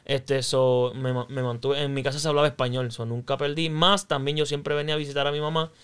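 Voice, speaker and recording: A man's voice: mid-range voice, flat delivery, a little fast, fairly bright tone, clean tone. A young man from Puerto Rico with a Puerto Rican accent, chatting as a guest and telling his story, dropping English words into his Spanish. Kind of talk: casual interview storytelling.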